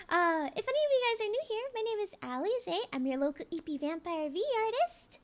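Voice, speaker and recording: A young woman hosts a casual livestream in an extremely high voice. Her delivery is cute and girlish in an anime-streamer way, bubbly and effusive. Her intonation swings in a lively, animated way as she chats with her viewers. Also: a little fast. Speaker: livestream host, VTuber artist.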